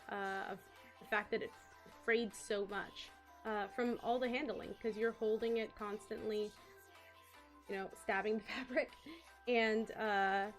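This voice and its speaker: A woman streamer chatting casually as she works on a craft. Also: medium pitch. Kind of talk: casual chat while crafting.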